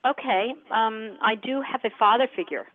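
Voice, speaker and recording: A woman's voice: on the high side, moderate pace. A woman working as a psychic medium, talking casually and directly in short bursts as she gives live readings to callers. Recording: narrow band, phone-like audio.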